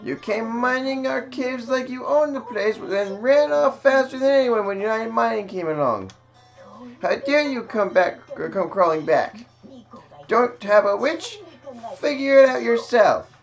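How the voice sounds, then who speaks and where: A man's voice: very high voice, animated, unhurried, creaky, dull audio, soft background music, pitched above the performer's own voice, full character voice. A man voicing a scornful male trader who sells cave intel and despises outsiders, reading game dialogue aloud with a sneering tone. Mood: contemptuous.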